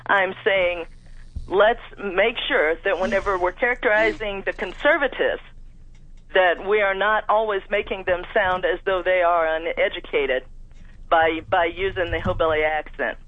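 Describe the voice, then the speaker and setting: A man's voice: high voice, fairly even intonation, normal speed, bright, forceful tone. A man from Missouri calling in to a radio show, earnest, friendly and chatty. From Missouri, USA. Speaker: caller. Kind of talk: call-in talk. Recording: muffled phone line.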